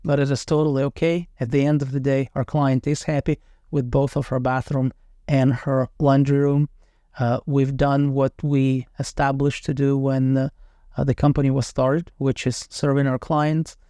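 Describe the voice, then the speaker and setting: A man narrating an informal project review as a renovation company representative, speaking in a somewhat halting way with self-corrections. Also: medium pitch, flat delivery, mellow, clean tone, no room sound.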